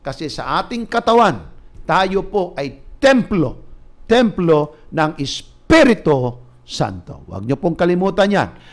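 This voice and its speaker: High-voiced Filipino preacher man. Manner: animated storytelling, rising loud for emphasis; reads scripture aloud, mixes in English. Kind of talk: sermon. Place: church or ministry broadcast.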